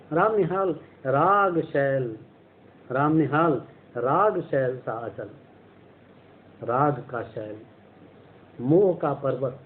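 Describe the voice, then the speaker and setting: A male teacher explaining a textbook story, glossing words and asking and answering his own questions. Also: mid-range voice. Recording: tinny phone-like sound, faint noise.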